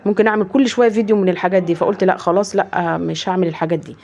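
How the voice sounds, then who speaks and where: Fast-talking Egyptian mother, earnest. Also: lowish voice, a little mellow. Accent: Egyptian Arabic. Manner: earnest, swears oaths often, retells dialogue in quick bursts. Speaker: mother vlogger. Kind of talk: heartfelt casual chat to viewers.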